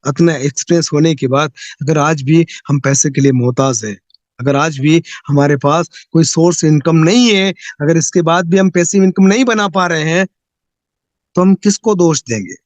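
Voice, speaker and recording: Man, high voice, motivational speech, rhetorical and preachy, dry close sound. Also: moderate pace, no room sound. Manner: rhetorical, preachy, pleading questions. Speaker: network marketing motivational speaker.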